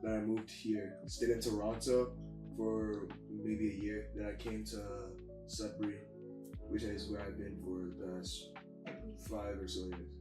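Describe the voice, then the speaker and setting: A teenage boy from Nigeria answering interview questions in a relaxed storytelling way. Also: on the low side, unhurried. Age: teens. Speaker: guest. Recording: roomy, distant mic, faint music.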